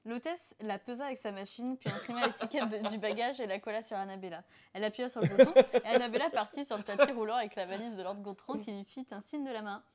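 Woman streamer, comic erotic reading, slightly high, deadpan. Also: fast talker, hardly any pauses.

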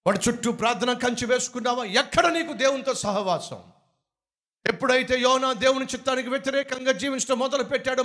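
A man's voice: very high-pitched, fairly bright tone. A male pastor preaching a rebuking sermon with rhetorical questions, then leading a pleading prayer. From India.

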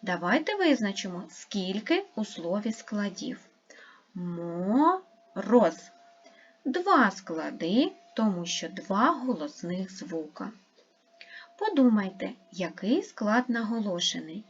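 A woman teaching an online lesson to young pupils, speaking slowly and carefully as she spells out sounds and syllables. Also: mid-range voice, big pitch swings, husky, lo-fi sound. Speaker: primary school teacher.

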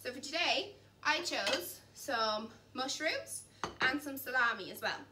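A woman in her twenties teaches cooking in a large kitchen, chatting and encouraging as she chops and mixes. Her voice is high-pitched and expressive, at a measured pace. A distant camera picks her up, with faint background noise.

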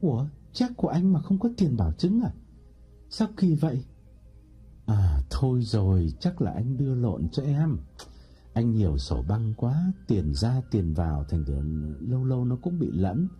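A man voicing a smooth-talking male lover in an audiobook, eager and pleading. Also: lowish voice, very animated, a little slow, warm tone, faint music behind, heavily acted.

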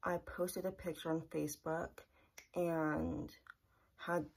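A young woman vlogs from a small bedroom, speaking earnestly, plainly and repetitively to a camera close in front of her. Her voice is low-pitched, gravelly and slightly rough, level in tone and slow.

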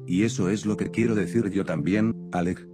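A man reading an earnest gentle young woman. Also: low-pitched, steady tone, moderate pace, lightly acted. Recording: music playing under the voice.

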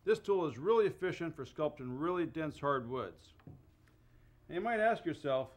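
A middle-aged man hosting a woodworking show, explaining each step methodically with mild enthusiasm in his workshop on a lapel mic. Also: fairly high pitch. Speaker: host and woodworker. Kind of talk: instructional woodworking demonstration. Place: indoor wood workshop.

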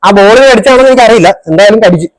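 Fast-talking high-voiced man. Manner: urgent, repeatedly reassuring, hushed at times. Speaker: family vlogger pulling a prank. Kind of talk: casual home vlog prank.

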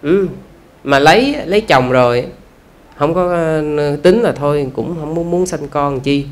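A man, a Buddhist monk with a Southern Vietnamese accent, giving a conversational dharma talk full of rhetorical questions and drawn-out "à" fillers. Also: a little high.

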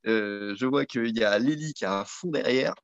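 A man's voice: medium pitch, moderate pace, dry recording, lo-fi sound. Chatty male live-stream host. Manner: chatty, repeats phrases, many fillers. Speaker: host of a live web show. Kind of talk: casual live-stream chat.

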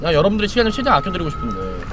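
Lively, playful young male streamer. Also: sits high, rapid-fire, music in the background. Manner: playful, chatty, puts on silly voices. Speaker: game streamer. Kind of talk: live game commentary.

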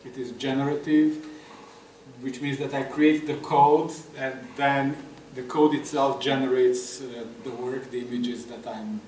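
A man's voice: medium pitch, fairly even intonation, measured pace, darkish tone, a little hiss or hum. A middle-aged man from Romania, a guest artist, talking hesitantly with many fillers at a festival table talk. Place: room with a table, audience. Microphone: table mic on stand. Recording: echoey room, far from mic.

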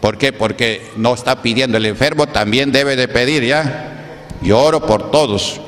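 A man preaches a Pentecostal sermon at a mid-range pitch. He keeps throwing rhetorical questions at his congregation. His voice rings with the long echo of a church hall. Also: a little slow, fairly bright tone. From Peru. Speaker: pastor.

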